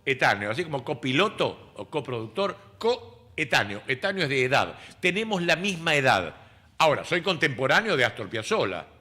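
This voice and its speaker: With big pitch swings in a mid-range voice, this man talks a little fast, sounding pushed and bright. He's an Argentine speech teacher and radio host in his sixties, casually chatting on air in Argentine Spanish and teaching how words are used.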